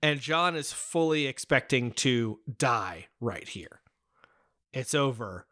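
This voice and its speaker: Male co-host, casual film review chat, bright tone, eager scene recaps with frequent fillers. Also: medium pitch, animated, takes it slowly. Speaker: podcast co-host discussing a film.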